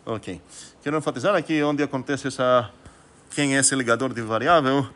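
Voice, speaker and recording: A man's voice: medium pitch, normal speed, fairly bright tone. A man giving a recorded math lecture, thinking aloud with many fillers and restarts and putting questions to the class. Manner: asks students rhetorical questions.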